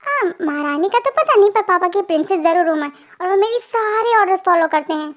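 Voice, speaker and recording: A woman's voice: very high voice, lively intonation, fairly quick, fairly bright tone. A young woman voicing a spoiled, homesick young bride who bickers and sulks, in a spoken fan storybook. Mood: sulky. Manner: sulky, bickering.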